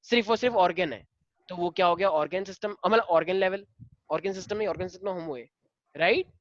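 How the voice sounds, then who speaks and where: A man's voice: sits high, fast, fairly bright tone, no room sound. Dry lo-fi male classroom teacher. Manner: mixes Hindi and English, quizzes students, affectionate. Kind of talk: classroom lecture. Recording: dull lo-fi dry sound.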